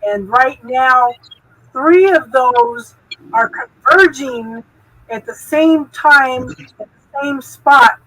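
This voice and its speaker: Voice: high voice, slow pace, sharp tone, poor audio. A speaker in a casual group chat, talking earnestly in short rhythmic phrases. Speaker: chat participant.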